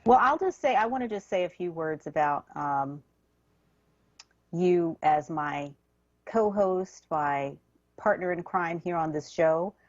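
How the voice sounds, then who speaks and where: Low-voiced woman in her fifties on radio. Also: expressive, slow, no room sound, dull audio. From New York. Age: 50s. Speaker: radio co-host. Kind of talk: casual radio talk. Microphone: studio microphone.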